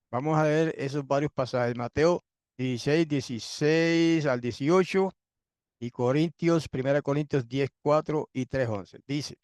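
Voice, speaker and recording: A man teaching a sermon-style Bible lesson who often clears his throat, asks rhetorical questions and repeats points for emphasis. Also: fairly high pitch, darkish tone, dry recording, studio quality.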